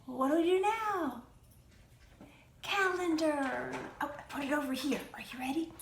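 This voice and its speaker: Woman, preschool teacher, high bright voice, encouraging sing-song, slight hiss behind. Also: expressive, a little slow, creaky. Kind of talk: remote class for young children. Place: at home. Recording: echoey room with faint noise.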